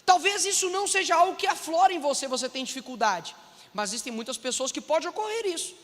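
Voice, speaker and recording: A man with a Brazilian accent preaching a sermon in an animated way, acting out the voices of people he quotes and calling his listeners brothers. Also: extremely high pitch, quick pace, long reverb tail.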